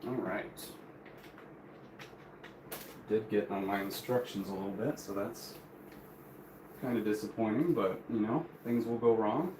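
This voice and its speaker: A man's voice: fairly low pitch, measured pace, pauses often. A man hosting a casual, unscripted live stream, talking in a rambling, apologetic way as he works with his hands. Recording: clear noise, crinkling plastic and paper. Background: crinkling bags and paper rustle.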